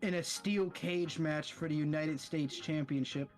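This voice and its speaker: A man's voice: fairly high pitch, unhurried, faint music behind. A young man, a college student, chatting casually over a voice call, rambling and stumbling over his words. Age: young adult.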